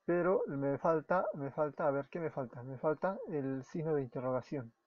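Brief: Peruvian-accented man, fairly high voice, tutorial narration that stops to correct itself, dull lo-fi sound with typing. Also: moderate pace, no echo. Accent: Peruvian Spanish. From Peru. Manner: explains step by step, self-correcting, often apologizing. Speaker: web development tutor. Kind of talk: screen-recorded coding tutorial. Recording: dull lo-fi recording with keyboard typing.

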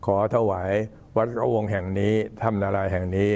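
Low-voiced older Thai monk, an old man. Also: steady tone, a little fast, darkish tone. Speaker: Buddhist monk addressing temple visitors. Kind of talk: informal talk, recounting temple history and announcements.

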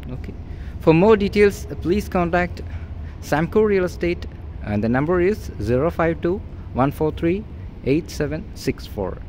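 A man with a somewhat high, animated voice speaks at a measured pace, his tone a bit mellow. He's a real estate agent walking through a large, empty indoor warehouse, pointing out its features plainly and repetitively. The filmer's handheld phone captures it as a rough recording with a slight hiss or hum.

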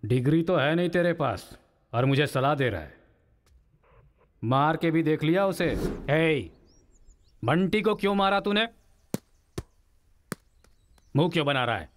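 A doting joking young dad. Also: male voice, a little high, animated, measured pace, pauses often, slight background noise. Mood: scolding. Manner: coaxing, playful baby talk. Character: doting young father who brags and jokes. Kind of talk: Hindi film dubbing.

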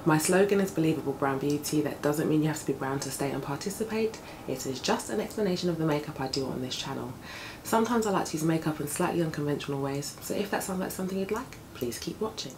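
A beauty vlogger with a low, gravelly morning voice, deeper than usual, chats quickly and easily while applying makeup in a casual tutorial. She's indoors in her flat, recorded by a camera on a desk at close range, and plane and street noise drift in through the open window.

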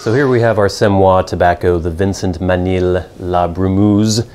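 Faint music plays behind a low-pitched, slightly mellow male voice with a steady tone and moderate pace. He's in his thirties, a pipe tobacco reviewer giving an informal, matter-of-fact review to camera and explaining details as he goes. A lapel mic captures him in a small indoor room with a cloth backdrop.

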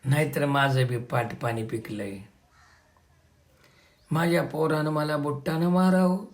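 A man's voice: fairly high pitch, a little slow. A man voicing a heartbroken old village man who pleads through tears in rustic speech. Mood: grieving. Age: older.

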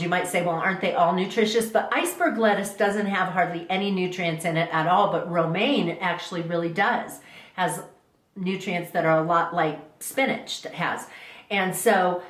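A middle-aged woman vlogging casually to camera, chatty and rambling with frequent restarts. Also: lowish voice. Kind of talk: casual talking-to-camera vlog. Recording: echoey room.

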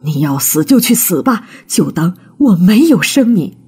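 Brief: a woman playing an angry old storybook father, low, slow and scolding, with a husky dark tone. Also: big pitch swings, heavily acted. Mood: stern, angry. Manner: harsh, scolding.

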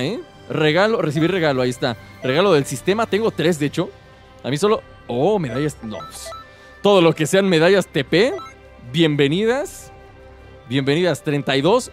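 A man giving playful, joking commentary over his gameplay. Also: sits high. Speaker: gaming YouTuber.

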